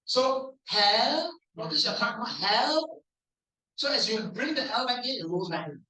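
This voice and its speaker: A man's voice: extremely high pitch, expressive, pushed and bright, distant mic. Singaporean man coaching pronunciation, echoey room. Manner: playful, drills words aloud slowly for the audience. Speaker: language evaluator at a speaking club. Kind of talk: club speech evaluation and pronunciation coaching.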